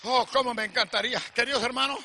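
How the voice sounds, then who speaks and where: A man preaching a fervent sermon, swinging from hushed storytelling to shouted exhortation and mixing in English asides. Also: extremely high pitch, fairly even intonation, fast talker, a faint crowd, slight background noise. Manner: mixes Spanish with English asides. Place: church service.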